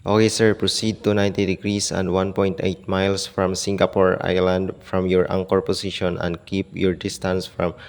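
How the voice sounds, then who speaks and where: A man working as a port control operator, speaking in flat, formal radio procedure heard over a marine radio. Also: deep voice, normal speed, hardly any pauses, echoey room, in a large hall. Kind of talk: scripted marine radio exchange.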